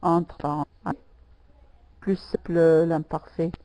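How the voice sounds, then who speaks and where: A woman's voice: sits low, level tone, slow pace, mellow, rough recording. A woman teaching a French lesson online, patiently repeating words and correcting students by name.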